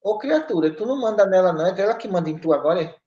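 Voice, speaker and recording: A woman's voice: on the low side, lively intonation, racing, mellow. A woman, a spiritual counselor giving an emphatic, scolding talk on a spiritist study podcast, full of tag questions. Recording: roomy, dull lo-fi sound.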